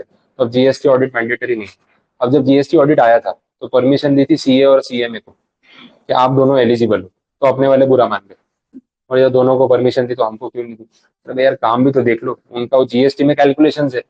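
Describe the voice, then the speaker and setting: A man's voice: mid-range voice, darkish tone, dry recording, dull audio. A man giving a live revision lecture in a chatty way, acting out short bits of dialogue. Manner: fast, conversational, acts out little dialogues.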